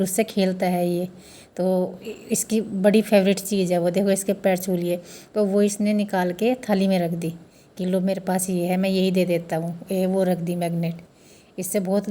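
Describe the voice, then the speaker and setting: Woman, vlogger from India; chatty explainer, level and mellow. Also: mid-range voice, level tone, normal speed. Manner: chatty, explains customs step by step. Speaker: family vlogger. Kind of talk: casual vlog narration to viewers. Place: family home during a festival.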